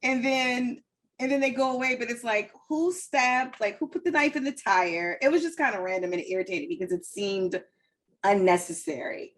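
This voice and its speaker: A woman with a voice pitched a bit above most women's talks casually on a podcast. She rants bluntly, swears freely and fills her talk with "like.". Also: moderate pace. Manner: blunt, profane ranting with frequent "like". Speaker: podcast co-host. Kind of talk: casual chat reviewing a TV episode.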